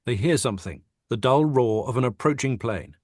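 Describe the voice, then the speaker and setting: A man reads the stage directions of a script in a steady, matter-of-fact way. His pitch is middling and the sound is dry and close, with no room around it. It is a plain table read over a video call. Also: fairly quick, dry recording.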